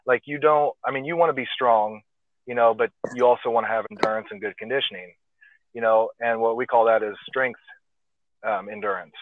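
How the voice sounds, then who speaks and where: A man, an arm wrestler, explaining his training in a relaxed way with lots of fillers, speaking over a phone call. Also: mid-range voice, brisk, creaky, background noise. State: slightly out of breath. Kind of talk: casual interview over phone. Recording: tinny phone line, dry.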